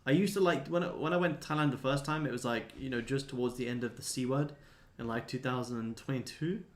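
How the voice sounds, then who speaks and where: A man in his twenties hosts a livestream, answering viewers in a fast, mid-range voice. He's a day trader with a laid-back, blokey, sweary way of chatting.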